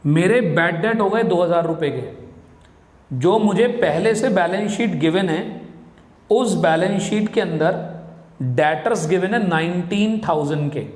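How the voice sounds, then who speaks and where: A man's voice: high voice, measured pace. A man teaching a commerce class, explaining step by step, calling his students "beta" and putting questions to them. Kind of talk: classroom lecture. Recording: echoey classroom with long reverb.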